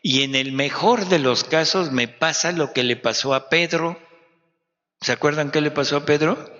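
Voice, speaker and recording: A man's voice: on the high side, normal speed, a bit bright. A man preaching at a retreat in a conversational, joking way, often quizzing his listeners. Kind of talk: sermon. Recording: dull recording in a reverberant hall.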